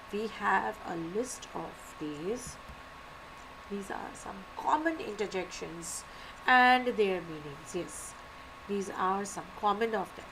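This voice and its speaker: A woman giving a live online lecture, animated, repeating key words and asking and answering her own questions. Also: medium pitch, a little hiss or hum, rough recording. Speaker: teacher.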